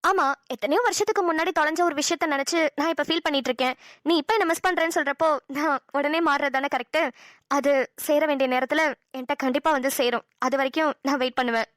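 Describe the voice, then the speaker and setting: A woman's voice: high-pitched, fast talker, a bit bright, no echo, clean studio sound. A woman voicing an affectionate, wistful middle-aged mother in a cartoon, with a motherly, scolding tone. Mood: firm. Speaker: voice actor. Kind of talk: cartoon dialogue acting.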